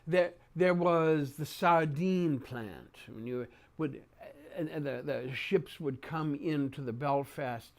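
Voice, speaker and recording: An older man with a slightly high voice recounts his memories at a very unhurried pace. He halts often, repeating words and pausing partway through sentences, in the style of an oral-history interview. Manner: halting, with repeated words and mid-sentence pauses.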